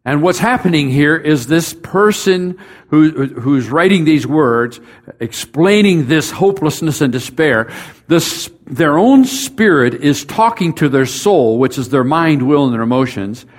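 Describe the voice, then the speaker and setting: A man's voice: a little high, animated, unhurried. A pastor preaching a sermon in a conversational way, talking straight to his congregation and building up to emphatic rhetorical questions. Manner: conversational, speaks directly to the congregation.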